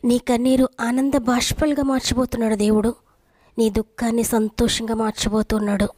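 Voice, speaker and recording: A woman's voice: a little high, level tone, fairly quick, darkish tone, dry recording. A woman preacher giving a devotional sermon in an earnest, repetitive, exhorting manner.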